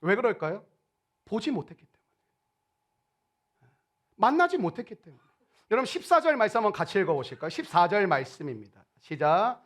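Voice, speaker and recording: A male pastor preaching a sermon in an animated way, acting out quoted people in playful voices. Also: high voice, brisk, long pauses.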